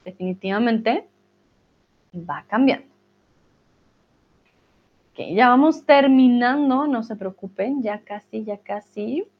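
Woman teacher drilling verbs super slow and patient, kinda muffled lo-fi audio. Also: fairly high pitch, animated. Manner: patient, reassuring, drills conjugations aloud. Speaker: Spanish teacher. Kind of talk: live online grammar lesson. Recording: slightly dull lo-fi sound.

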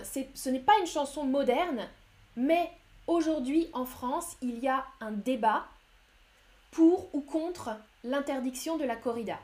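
Slow, clear French teacher woman. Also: high voice, darkish tone. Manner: slow and clear, explains words with synonyms. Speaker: French teacher streaming a lesson. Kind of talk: live-streamed language lesson, reading chat.

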